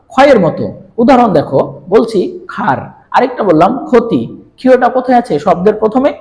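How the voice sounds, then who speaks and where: A teacher giving an online pronunciation lesson, asking questions and answering them himself, and slowly repeating example words. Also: mid-range voice, vocal fry, darkish tone, long reverb tail, low-quality recording.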